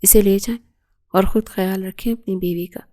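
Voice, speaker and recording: An outspoken young woman defends her sister, voiced by a woman reading the novel. The tone is mellow and the pitch stays even. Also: close to an everyday voice. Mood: earnest.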